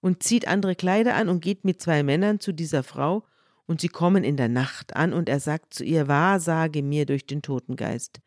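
A woman's voice: low voice, normal speed, darkish tone, no room sound, clean studio sound. A woman co-hosting a podcast who retells a Bible story in casual chat, quoting the characters as she goes. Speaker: podcast co-host.

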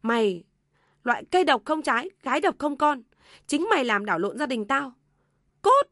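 A woman voices a furious old mother-in-law who screams and scolds, using an exaggerated, very animated voice pitched high above her own. The pace is moderate and the tone a bit bright, captured as a dry, clean studio recording.

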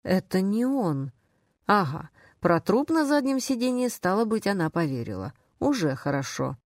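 A woman narrating a first-person detective story as an audiobook, in a sardonic, brisk and expressive way. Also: medium pitch, no echo, studio quality.

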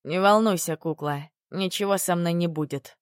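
A woman voicing a gruff, domineering young man who speaks curtly and mockingly, in a dry recording. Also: moderate pace, no room sound, natural voice. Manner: curt, low and mocking.

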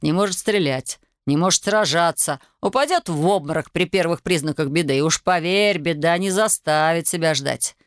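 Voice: medium pitch, no room sound, lightly acted. Reader doing a pushy wounded soldier, insistent, urgent, audiobook, dry close sound. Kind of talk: audiobook character voice.

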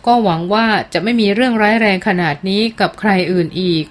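A brooding teenage boy from an audiobook novel, as a woman reader puts him on. His words come slowly and low, unsteady with remorse. An intense, troubled young man. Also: close to an everyday voice. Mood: shaken. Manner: slow, low and shaky.

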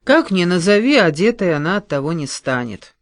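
A reader doing a grumbling gruff huntsman. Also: medium pitch, big pitch swings, moderate pace, dry recording, studio quality. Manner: grumbling, scolding. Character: grumbling gruff middle-aged male huntsman father.

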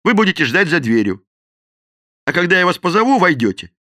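A man's voice: high voice, sing-song, a little fast, bright, forceful tone, no room sound, clean studio sound, voice pushed up, full character voice. A man voicing a determined young American who firmly insists on his plan. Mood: insistent. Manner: firm, insistent.

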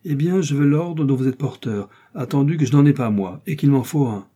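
A man's voice: medium pitch, dark tone, husky, voice pushed up, natural voice. A man reading an audiobook and voicing a bold, hot-headed young male swordsman who talks brashly and defiantly. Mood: fierce. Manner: brash, defiant and quick-tempered. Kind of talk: audiobook character voice.

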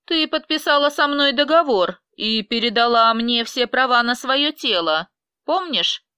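A woman's voice: on the high side, expressive, unhurried, sharp tone, clear, resonant tone, no echo, pitched above the performer's own voice. A woman voicing a possessive, obsessive man who talks in an insistent, menacing way.

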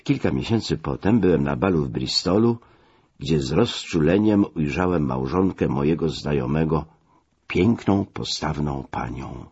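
A man narrating a memoir audiobook in a measured, wry storytelling manner. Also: rumbling low, lively intonation, darkish tone, husky. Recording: dull lo-fi recording.

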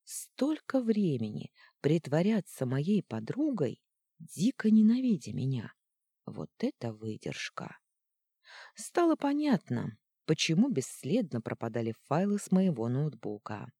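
Low husky lady reading a story out loud, lively swoopy delivery, dry close sound. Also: a little slow, dry recording. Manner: expressive, ironic. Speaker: narrator. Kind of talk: first-person audiobook narration.

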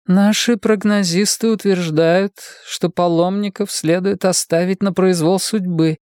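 A man voicing a stern woman head of government who speaks in a measured, authoritative way. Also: lowish voice, fairly even intonation, no echo, clean studio sound, voice pushed up, lightly acted. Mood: quietly probing. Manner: measured, authoritative, quietly commanding. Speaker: political leader.

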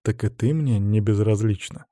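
A cheerful, teasing young man, as a male narrator reads him in a storybook scene, sure of himself and fond of jokes. His tone is warm and mellow, close and dry with no room around it. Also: lowish voice, moderate pace, no room sound, lightly acted. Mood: playful. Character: young man, playful, confident, romantic.

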